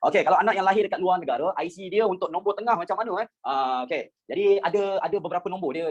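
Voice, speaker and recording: Young Malaysian male teacher, slightly high, husky voice, brisk and chatty. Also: darkish tone. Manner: quick, chatty, mixes English phrases, keeps checking understanding. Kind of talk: online history lesson.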